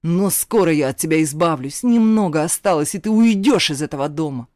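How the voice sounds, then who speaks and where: A woman voicing a furious, abusive middle-aged stepfather who snarls and barks orders, drawing some words out slowly, in an audiobook. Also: sits low, darkish tone, no echo, studio quality. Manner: snarling, barking orders, slowed hissing.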